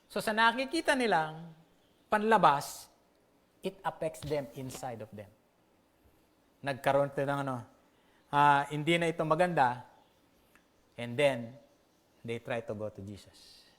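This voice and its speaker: High-voiced Filipino pastor preaching. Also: male voice, lively intonation, fairly bright tone. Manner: conversational, checks in with the listeners often; slows down to read scripture aloud. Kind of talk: sermon mixing Tagalog and English.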